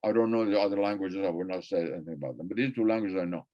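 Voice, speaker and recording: This older man speaks very fast in a low register, lecturing academically with Persian as his first language. His talk wanders between points, and he repeats phrases to stress them. The recording sounds muffled and lo-fi.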